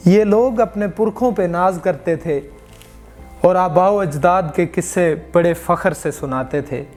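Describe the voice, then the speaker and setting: A man narrating a historical story in measured, formal literary Urdu. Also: fairly high pitch, darkish tone. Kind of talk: scripted narration of a true crime history.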